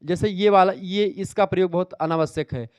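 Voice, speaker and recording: A man's voice: high voice, moderate pace, clear, resonant tone, no room sound, studio quality. A man teaching an exam revision lecture, explaining step by step, repeating key terms and quizzing his students.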